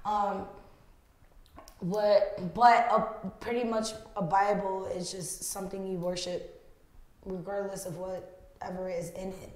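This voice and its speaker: A young woman co-hosting a podcast, telling animated, profane stories in casual chat with lots of laughter. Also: medium pitch, slow, long pauses. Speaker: podcast co-host. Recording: very echoey room.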